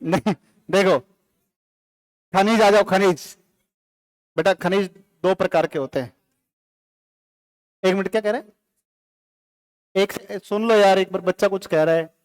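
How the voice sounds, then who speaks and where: A high-voiced male teacher lectures live in a classroom, firing off quick questions to students and joking with the class.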